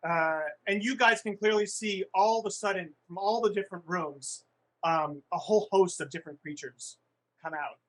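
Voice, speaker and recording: Man running a tabletop game, high voice, halting delivery. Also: a bit bright. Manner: halting, many restarts. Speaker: game master.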